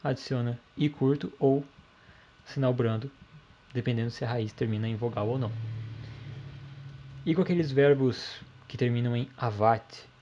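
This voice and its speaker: Mellow-voiced man explaining grammar. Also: medium pitch, moderate pace, pauses often, highs cut off, a little hiss or hum. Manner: calm, explanatory, checks in with "ok?". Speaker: language teacher.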